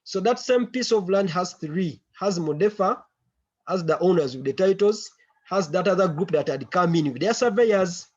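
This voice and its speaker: A man's voice: high voice, lively intonation, normal speed, breathy edge. A man briefs colleagues on a conference call, often repeating words and phrases as he recounts. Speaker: member of an organisation reporting to a meeting. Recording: muffled online conference call audio.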